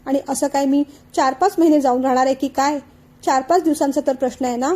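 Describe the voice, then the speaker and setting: A young wife, sulking and complaining through tears to her in-laws, as a woman narrator reads her. High and mellow, she pleads in a hurt, tearful voice. Audiobook family drama. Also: steady tone, fairly quick, lightly acted. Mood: tearful complaint.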